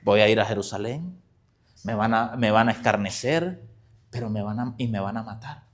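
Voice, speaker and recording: A man voicing a calm, solemn teacher who speaks in a grave, hushed way. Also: fairly low pitch, normal speed, voice pushed down, lightly acted. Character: calm, solemn male teacher rebuking a follower.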